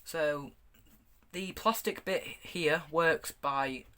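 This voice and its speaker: A man's voice: fairly high pitch, very slow, pushed and bright, smooth. A man giving a casual, hands-on product review, speaking in a stop-start, hesitant way with repeated words. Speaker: gas mask reviewer. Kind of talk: casual product review, showing items to camera.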